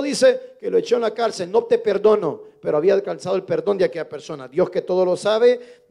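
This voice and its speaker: High, gravelly-voiced male pastor preaching. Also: mellow. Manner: preaching, firing questions at the congregation. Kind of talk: sermon. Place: church service.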